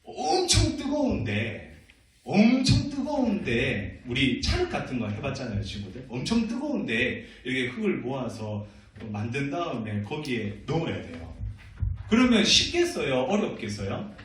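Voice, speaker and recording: A man's voice: mid-range voice, huge pitch swings, moderate pace, a bit bright. A middle-aged man preaching to teenagers as senior pastor, playful and full of questions and laughs. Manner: playful, asks the youth questions, laughs often. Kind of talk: youth sermon. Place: church hall. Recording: echoey room, from a distant mic.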